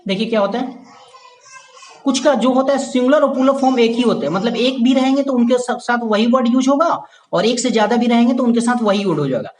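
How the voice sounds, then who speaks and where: A man's voice: very high-pitched, quick pace, darkish tone. A man teaching a basic grammar lesson who repeats key points, checks in with listeners and calls them his dear friends. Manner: addresses viewers as "my dear friend".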